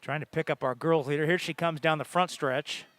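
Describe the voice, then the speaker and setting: A man giving live sports commentary on a track meet, measured and informative, pausing between facts. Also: on the high side, fairly even intonation, fairly bright tone, dry recording.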